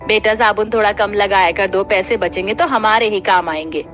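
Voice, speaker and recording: A woman voicing a stingy older mother-in-law in an animated family story, bossy and scolding. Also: medium pitch, normal speed, close to an everyday voice. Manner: scolding, penny-pinching.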